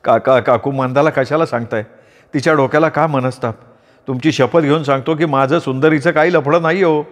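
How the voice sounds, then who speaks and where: A man's voice: fairly high pitch, fairly even intonation, a little fast, long reverb tail, lightly acted. A man voicing a clumsy, guilty husband who pleads and fumbles for excuses. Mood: pleading.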